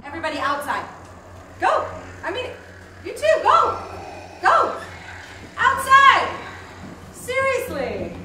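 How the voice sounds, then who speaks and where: Woman acting as a bossy mom, very high shrill voice, scolding, echoey noisy hallway. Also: huge pitch swings, slow pace, long pauses, exaggerated voice. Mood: exasperated. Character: exasperated, bossy mother scolding children. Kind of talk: hobby film parody acting. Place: large indoor house hallway. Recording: echoey room, distant, noisy.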